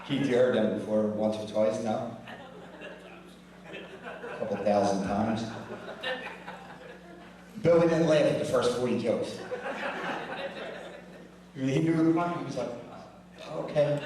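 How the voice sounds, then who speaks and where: A man giving a rambling, self-deprecating roast speech, often restarting his sentences. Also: on the low side. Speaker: roast speaker. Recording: roomy hall mic from a distance.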